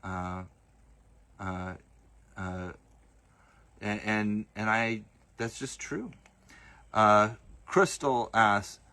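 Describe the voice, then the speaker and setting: A man from the Southern United States hosts a livestream, answering viewer comments casually and hesitantly, full of fillers and restarts, his Southern accent light and partly masked. His voice is on the low side, pushed and bright, and extremely slow with long pauses.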